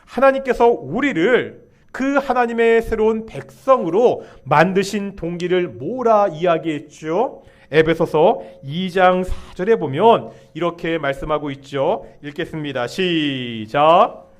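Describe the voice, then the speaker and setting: A man's voice: sits high, expressive, a little slow. A man preaching a Sunday sermon as pastor in a church, leading the congregation in responses. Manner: leads the congregation in call-and-response. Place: church sanctuary.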